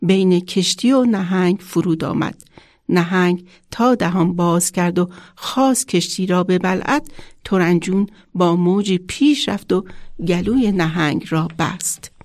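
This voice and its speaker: A woman children's author reading her own story aloud in a measured, expressive storytelling manner. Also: on the low side, no echo, studio quality.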